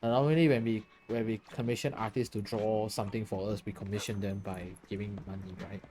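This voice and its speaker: A man's voice: on the low side, fairly even intonation, quick pace, warm tone, a little hiss or hum. A tired man chatting casually while streaming a game, laughing often and answering his chat.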